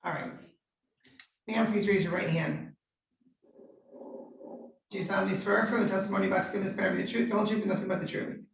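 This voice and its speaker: A woman judge conducting formal court proceedings in measured, procedural questions, heard on a courtroom recording. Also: mid-range voice, fairly even intonation, vocal fry. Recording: roomy courtroom audio from a distant mic.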